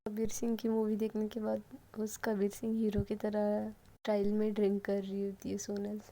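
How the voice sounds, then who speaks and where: Flat-voiced woman telling a love story. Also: mid-range voice, slight background noise, rough recording. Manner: even storytelling. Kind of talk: narrated love story episode.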